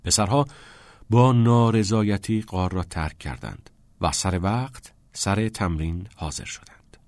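A man narrating an audiobook chapter in a measured, even way. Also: lowish voice, no echo. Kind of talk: scripted narration.

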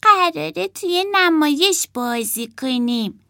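A woman's voice: high-pitched, lively intonation, vocal fry, sharp tone, no echo, studio quality, pitched above the performer's own voice, heavily acted. A woman voicing a wide-eyed little girl doll who sounds full of wonder. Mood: excited.

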